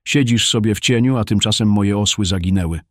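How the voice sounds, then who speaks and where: Brief: man doing an irate, scornful older father, raised deep voice, dry storybook read. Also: fairly quick, no echo, close to an everyday voice. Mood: angry scornful. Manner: scornful, shouting.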